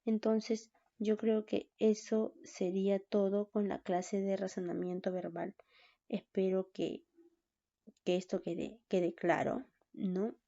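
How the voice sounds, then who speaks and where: Slow, patient woman teaching. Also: medium pitch, level tone, vocal fry, warm tone. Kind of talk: recorded online class. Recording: dull lo-fi sound.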